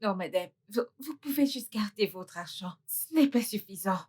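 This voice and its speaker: An actress playing a firm female doctor who calmly refuses to help in a dubbed film. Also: mid-range voice, slightly rough. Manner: calm, slow and unmoved.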